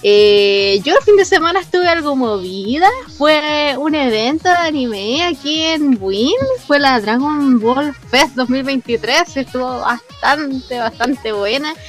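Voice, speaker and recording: Woman, Chilean accent, high voice, casual radio host, playful and exclamatory, chatty, music behind. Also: lively intonation, slow pace. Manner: playful, exclamatory, addresses listeners directly. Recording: music bed under the voice.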